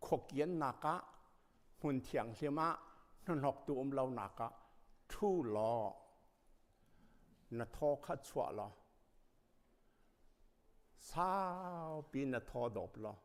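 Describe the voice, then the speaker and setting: A man preaching a sermon as pastor, speaking emphatically and rising to loud passages. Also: mid-range voice, expressive, takes it slowly, long pauses. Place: church sanctuary. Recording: long reverb of a church hall.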